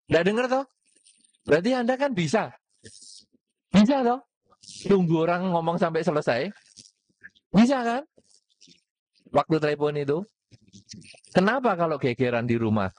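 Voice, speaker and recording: Lively man giving a Dhamma talk. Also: fairly high pitch, moderate pace, long pauses, dry recording. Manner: asks the audience rhetorical questions; mixes in Javanese words. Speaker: Buddhist Dhamma speaker.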